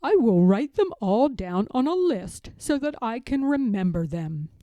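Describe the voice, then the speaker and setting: A woman's voice: a little high, big pitch swings, unhurried, dark tone, no echo. A woman voicing a fussy, literal-minded male toad in a children's storybook, emphatic and easily upset. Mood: matter-of-fact, orderly. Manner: emphatic, dramatic, wailing when upset.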